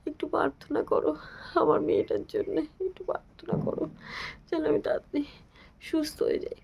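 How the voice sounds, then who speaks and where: A woman with a sore, hoarse throat talking softly and half-whispering in a casual home vlog. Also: sits high, flat delivery, fast. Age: adult with a daughter. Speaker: vlogger.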